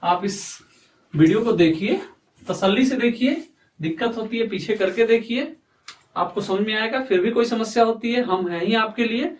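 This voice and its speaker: A man teaching a lesson, speaking slowly and repeating himself, often asking questions and answering them himself. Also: sits high. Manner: slow, repetitive, quizzing himself aloud. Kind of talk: explaining a lesson at a board. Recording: echoey room, voice far from mic.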